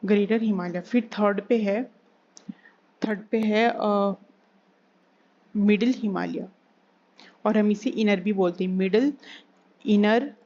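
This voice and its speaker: A woman teaching an exam-prep geography lesson, repeating key terms slowly and asking and answering her own questions. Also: mid-range voice, darkish tone. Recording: slightly dull recording with faint hiss.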